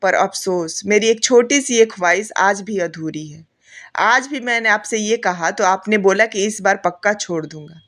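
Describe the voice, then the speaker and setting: A sorrowful young wife pours her heart into a letter to her husband, as a woman narrator reads it. She speaks softly and tenderly in an everyday pitch, a loving pregnant wife in a storybook tale. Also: normal speed, natural voice. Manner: soft heartfelt letter reading.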